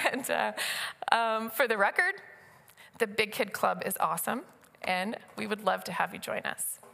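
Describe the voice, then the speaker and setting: Woman, church testimony, informal, gravelly creak, long hall reverb. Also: mid-range voice, a little slow, pauses often, sharp tone. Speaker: church volunteer team speaker. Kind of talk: church testimony and appeal to a congregation. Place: church sanctuary, speaking to congregation.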